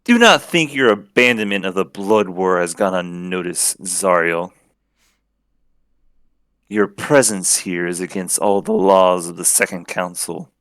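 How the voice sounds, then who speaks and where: Man voicing a larger-than-life accusing goddess, formal and imperious, deep. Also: a little slow, a bit bright, no echo, clean studio sound.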